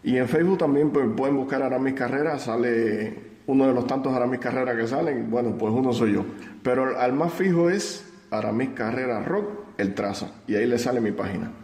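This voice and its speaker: A middle-aged man with a Cuban accent answers interview questions, pausing and restarting as he thinks. His mid-pitched voice rings out in a room with long, hollow reverb. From Cuba. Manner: relaxed, hesitant, with restarts and fillers. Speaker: visual artist and art teacher.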